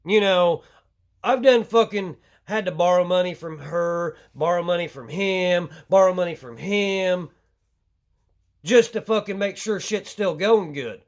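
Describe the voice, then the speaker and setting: A vlogger with a high-sitting, slightly slow voice rants angrily to camera in a crude monologue thick with profanity. He swears heavily and sometimes runs short of breath.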